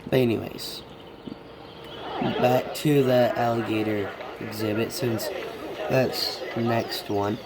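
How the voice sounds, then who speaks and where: A man's voice: medium pitch, steady tone, slow pace, long pauses, over a noisy crowd. A man who is sick with a stuffed, congested nose gives a casual, hesitant, rambling walkthrough of a video game. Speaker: gamer giving a video game tour.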